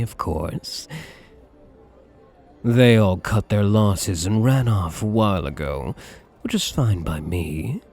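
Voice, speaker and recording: A lowish, heavily acted male voice performs an intimate ASMR roleplay as a suave, possessive gambler. He's flirty and quietly threatening, breathy, drawling teasing pet names.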